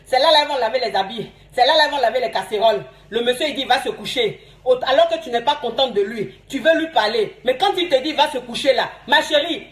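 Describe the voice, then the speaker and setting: A woman's voice: a little high, echoey room. A woman giving casual marriage advice to other women in a coaxing, chatty way, laughing often as she talks. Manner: warm, coaxing, often laughing, repeats "ma chérie".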